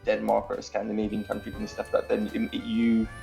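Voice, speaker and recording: Gravelly Scottish man chatting loosely. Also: on the low side, completely flat delivery, a little fast, dark tone, faint music behind. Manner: rambling, many fillers and restarts, laughs easily. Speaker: game developer guest. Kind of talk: casual chat.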